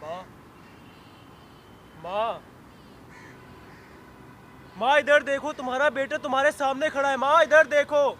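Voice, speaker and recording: A man plays a remorseful young son, his voice pitched high as he pleads and keeps calling for his mother. A faint hum of noise sits under the lines in this drama skit. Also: very animated, moderate pace. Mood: pleading.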